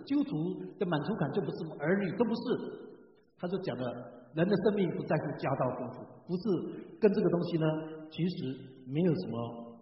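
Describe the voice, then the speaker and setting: A middle-aged man preaching a sermon in a chatty, joking way, often asking the audience questions. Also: on the high side. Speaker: pastor. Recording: roomy hall, distant mic, dull sound.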